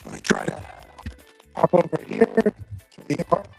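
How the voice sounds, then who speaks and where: A man's voice: high voice, normal speed, breathy edge, faint music behind, low-quality recording. A man chatting casually on a call, his voice breaking up as the wireless connection cuts out. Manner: relaxed, rambling, with many fillers. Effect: voice breaking up over a glitchy wireless connection. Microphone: phone.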